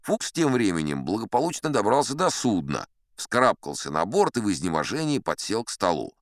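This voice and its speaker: Deep-voiced Captain Vrungel, old seafarer. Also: male voice, sing-song, fairly quick, no room sound, clean studio sound. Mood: dramatic, suspenseful. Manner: pompous, conversational asides to a young listener. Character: old sea captain spinning tall tales, pompous and dignified. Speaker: audiobook performer narrating as a character. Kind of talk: theatrical first-person storytelling from an adventure audiobook.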